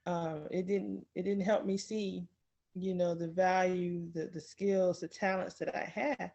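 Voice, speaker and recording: A woman's voice: fairly low pitch, flat delivery, a little slow, gravelly, darkish tone, dull audio. A woman guest on a podcast speaking candidly about her own experience, with many fillers, acting out her inner thoughts. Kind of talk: casual personal talk.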